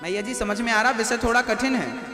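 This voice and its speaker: A man giving a devotional sermon to a live audience, asking them questions and slowly reciting verses. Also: extremely high pitch. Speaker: spiritual preacher. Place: large hall with live audience. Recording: echoey hall recording with music.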